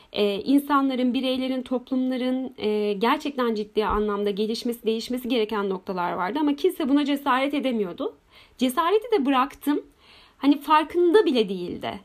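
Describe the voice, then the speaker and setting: High-pitched thoughtful woman host. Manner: thoughtful, musing questions. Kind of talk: casual conversation.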